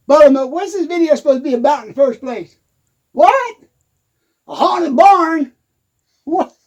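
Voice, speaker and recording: Putting on a very high-pitched, exaggerated voice, a Texan-accented man rambles through a comic monologue as a giggly good-ol'-boy from the country. He never stops giggling, and his grammar is folksy and rural.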